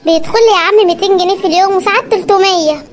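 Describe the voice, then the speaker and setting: A performer voicing a persistent young suitor in a comedy cartoon, pleading and boastful in Egyptian Arabic. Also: extremely high pitch. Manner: pleading, boastful, chipmunk-fast. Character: persistent young man suitor, tuk-tuk driver.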